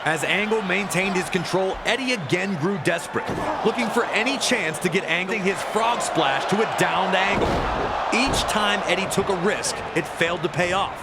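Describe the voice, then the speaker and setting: A sports narrator reads wrestling action from a script, dramatic and emphatic, his voice sitting high at a moderate pace. A roaring arena crowd is loud behind him.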